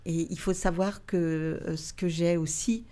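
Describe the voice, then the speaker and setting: A woman with a fairly low voice, telling personal anecdotes as a podcast guest. She talks with lively animation, acts out the voices of the people she quotes, and slips into whispered asides. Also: moderate pace. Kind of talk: anecdotal storytelling.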